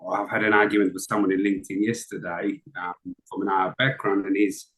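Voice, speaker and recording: This interview guest, a middle-aged man from Israel, has a voice on the low side and talks fast. The call is casual and relaxed, though he frequently stumbles with fillers and restarts. The recording quality is rough.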